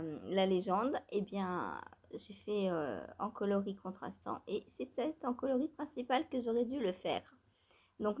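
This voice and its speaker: A woman's voice: mid-range voice, dull audio. A woman vlogger chatting casually about her knitting, rambling with many fillers, restarts and small laughs. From France. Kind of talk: casual chat.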